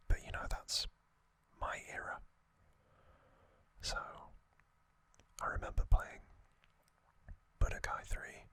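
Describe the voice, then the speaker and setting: With long pauses and no hurry, a male ASMR host in his thirties murmurs casual commentary as a fan, keeping everything to a soft whisper.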